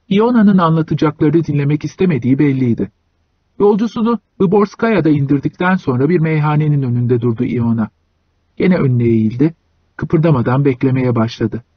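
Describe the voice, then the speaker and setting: A man reading a short story aloud as an audiobook narrator, in a measured storytelling manner. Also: on the high side, slightly rough, dry recording, lo-fi sound. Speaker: audiobook reader.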